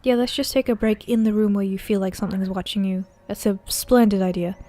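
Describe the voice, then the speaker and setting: A woman's voice: medium pitch, steady tone, brisk, mellow. Sarcastic woman reading a game aloud. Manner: sarcastic asides, slips into whispers. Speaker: game streamer.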